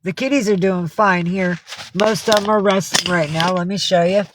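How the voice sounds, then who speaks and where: Talking from home with her cats around, a woman hosts a casual livestream in a lowish voice at a moderate pace. She rambles bluntly and swears freely, and the background is noisy.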